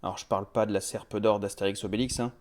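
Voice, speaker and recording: A man's voice: lowish voice, steady tone, fast, a little mellow. A man giving a casual video tutorial as a web marketing trainer, talking step by step with frequent hesitations. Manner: chatty, explains step by step with frequent "euh" fillers.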